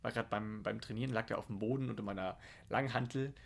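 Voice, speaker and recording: A man's voice: lowish voice, fairly even intonation, fast, creaky. A young man in his twenties in a casual, rambling chat, swearing and laughing along the way.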